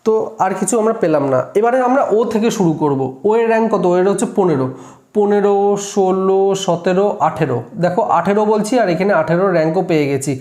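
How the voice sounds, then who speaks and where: A man's voice: sits high, quick pace, darkish tone. A man teaching a class at a board, counting aloud step by step and checking his work. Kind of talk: classroom lesson. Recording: echoey room.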